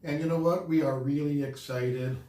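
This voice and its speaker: A man co-hosts a casual couple's vlog, chatting upbeat and laughing easily. His voice is fairly high and mellow, with fairly even intonation at a normal speed, and the room sounds echoey.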